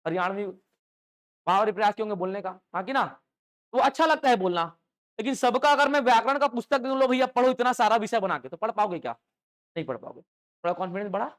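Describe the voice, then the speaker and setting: A man teaching English to exam aspirants in a live classroom lecture, constantly quizzing students with call-and-response questions. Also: high voice. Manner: call-and-response questioning, lively rhetorical checks.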